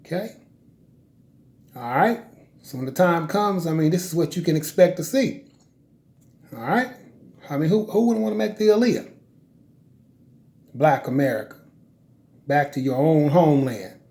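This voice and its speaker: A man's voice: a little high, lively intonation, a little slow, pauses often, darkish tone. Man teaching scripture with constant "okay?" tags. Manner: conversational, many "right?" and "okay?" tags. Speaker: religious teacher. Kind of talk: informal religious teaching over slides.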